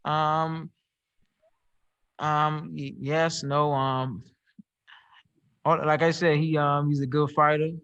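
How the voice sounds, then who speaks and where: A young Barbadian man answering reporters over a video call, his speech flat and even in pitch. He hesitates and repeats words as he works out each answer. The audio is dry and a little dull, like a home setup. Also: smooth, no room sound. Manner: halting, repeats words as he searches for them. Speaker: professional boxer. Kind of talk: press call interview answers.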